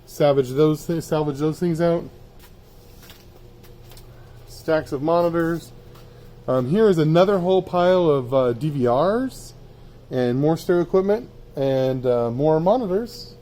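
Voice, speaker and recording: A man's voice: fairly high pitch, expressive, a little slow, pauses often, mellow. A plain-spoken man giving a casual, off-the-cuff sales tour of stock while walking through a warehouse. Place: indoors in a cluttered warehouse, walking.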